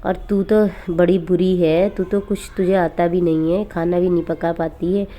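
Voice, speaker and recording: A woman's voice: on the low side, steady tone, normal speed, dark tone, lightly acted. A woman voicing a rude, bullying village father in a cartoon horror story, blustering and scolding.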